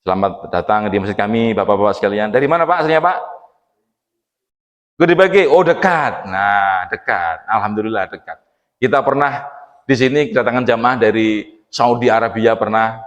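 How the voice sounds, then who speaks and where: A man's voice: lowish voice, expressive, moderate pace. A man giving a casual mosque sermon, chatty and joking, quizzing the congregation. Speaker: mosque preacher. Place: mosque hall. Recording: long mosque reverb.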